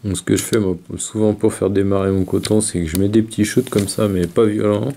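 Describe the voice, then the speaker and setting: A man's voice: on the low side, steady tone, a little fast, gravelly, warm tone, slight background noise. A man talking casually to camera as a video reviewer, hesitant with many fillers. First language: French. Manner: hesitant, many fillers, talks while vaping. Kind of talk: casual chat.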